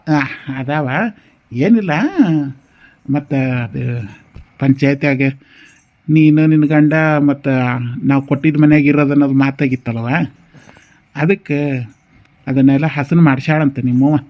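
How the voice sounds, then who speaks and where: A man's voice: on the high side, flat delivery, a little slow, long pauses, muffled recording. A man doing a stern but tender village father. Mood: soothing. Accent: North Karnataka Kannada. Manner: coaxing and reassuring. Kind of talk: cartoon voice acting.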